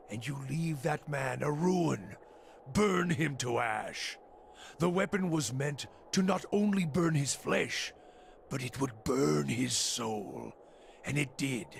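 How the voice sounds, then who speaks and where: A male actor with a medium-pitched voice plays a bitter, fanatical older fire priest in a fantasy game. Gravelly and scornful, he preaches in slow pronouncements, with slight background noise.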